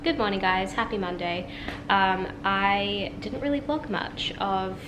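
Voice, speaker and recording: A woman in her twenties chatting casually to camera at home as a vlogger, relaxed and full of "like". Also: mid-range voice. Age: 20s. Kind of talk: casual vlog chat. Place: at home, indoors. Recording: noticeable room ambience noise.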